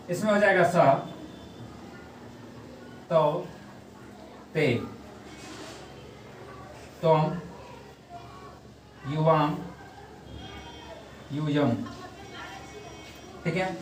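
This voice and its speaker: A man's voice: a little high, slight background noise. A man teaching a grammar lesson who drills the class, repeating terms and asking then answering his own questions. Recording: echoey room, mic at a distance.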